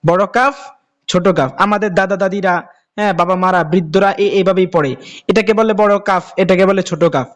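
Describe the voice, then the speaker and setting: A man teaching a Quran class, explaining how to say Arabic letters and drawing out each letter name for practice, with a Bangladeshi Bengali accent. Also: high voice. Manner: drawn-out, repeated letter names for practice.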